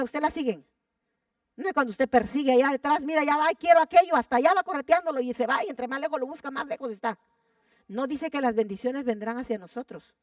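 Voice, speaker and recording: A woman's voice: high-pitched, dry recording, studio quality, far from the mic. A woman preaching a sermon to her congregation. She talks with fervor, repeats phrases for emphasis and puts questions to the listeners. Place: church sanctuary.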